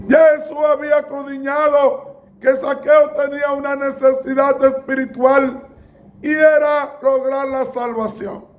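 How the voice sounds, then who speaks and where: A man delivers a sermon in a very high, flat-toned voice. He speaks slowly and deliberately, and now and then he breaks into a shout. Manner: slow, emphatic preaching with bursts of shouting. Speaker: preacher.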